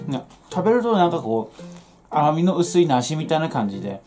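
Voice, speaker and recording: This home vegetable grower talks fast and with lots of animation in a voice on the high side, a little mellow. He chats casually and folksily, explaining how-to steps while working with his hands in a small, cluttered indoor shed or workroom. Plucked guitar music plays behind him.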